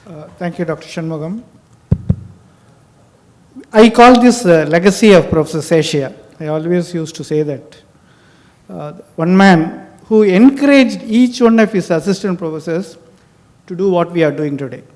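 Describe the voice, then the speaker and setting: An older man in his sixties with a South Indian accent delivers an informal tribute speech. His voice sits notably high for a man, and he talks in a reminiscing, anecdotal way. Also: darkish tone. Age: 60s. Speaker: senior doctor giving a tribute speech.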